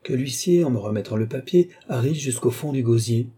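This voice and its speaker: A man's voice: mid-range voice, lively intonation, fairly quick, mellow, breathy edge. A man voicing a wary, deferential male secretary in an audiobook, teasing his master. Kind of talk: audiobook character reading.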